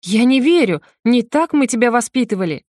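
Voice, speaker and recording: Woman voicing a shrill, furious mother. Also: animated, brisk, darkish tone, no echo, studio quality, natural voice. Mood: indignant. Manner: shrill, demanding. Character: angry shouting middle-aged mother. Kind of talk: audiobook character voice.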